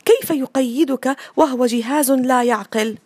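A woman as a storybook mother, sharp scolding tone, raised pitch, husky. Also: moderate pace, dry recording. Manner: sharp and exasperated.

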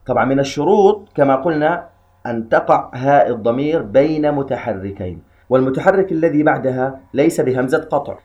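A man's voice: mid-range voice, dark tone, highs cut off. Patient male tajweed teacher. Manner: measured, patient, stretches recited verses slowly. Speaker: Quran recitation teacher. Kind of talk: explaining tajweed rules with slow chanted examples.

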